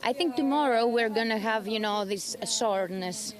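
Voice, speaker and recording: A woman's voice: a little high, moderate pace. Hesitant Greek-accented woman athlete. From Greece. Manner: hesitant, searching for words, many fillers. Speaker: triathlete. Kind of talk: trackside interview. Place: outdoors at a race aid station.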